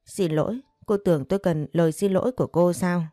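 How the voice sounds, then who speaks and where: A woman's voice: lowish voice, a little fast, mellow, no room sound, studio quality, close to an everyday voice. A woman voicing a moody, domineering young husband in an audio story, giving harsh, scolding commands.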